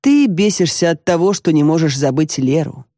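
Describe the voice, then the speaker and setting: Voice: medium pitch, animated, moderate pace, dark tone, dry recording, clean studio sound. An audiobook narrator voicing a troubled middle-aged man, talking in a brooding, confessional way.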